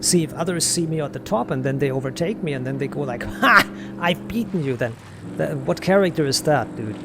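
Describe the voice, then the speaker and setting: A man's voice: a little high, fast, gravelly, very noisy. A man streaming a game, ranting casually and defensively, repeating rhetorical questions and swearing. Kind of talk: casual ranting while playing.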